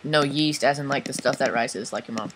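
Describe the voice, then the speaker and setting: A man's voice: medium pitch, fairly quick, noisy background. A man chatting casually while playing a game, joking around and chanting "bruh". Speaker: gamer. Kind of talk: casual gaming chat.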